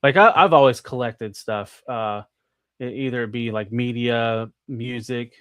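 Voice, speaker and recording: A man's voice: medium pitch, measured pace, fairly bright tone, clean tone, no room sound. Rambling American man, dry close sound. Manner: rambling, filler-heavy with many restarts. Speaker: podcast guest. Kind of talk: casual chat.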